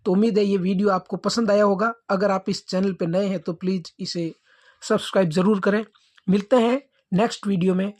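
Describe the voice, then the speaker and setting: A woman's voice: medium pitch, steady tone, brisk, darkish tone. A woman teacher with an Indian English accent giving a lesson, spelling English words letter by letter and then saying each one.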